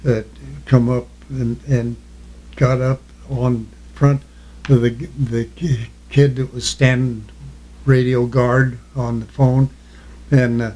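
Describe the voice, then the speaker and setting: An elderly man, a war veteran, remembering his service in an interview, halting as he recalls and answering in short, plain phrases. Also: medium pitch, flat delivery, darkish tone, rough recording. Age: elderly, 80s or older. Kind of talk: reminiscing in an oral history interview.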